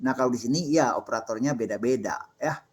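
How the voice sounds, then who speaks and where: A man's voice: medium pitch, fast talker, breathy edge. Patient male lecturer explaining step by step. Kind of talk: classroom Q&A on assembly programming.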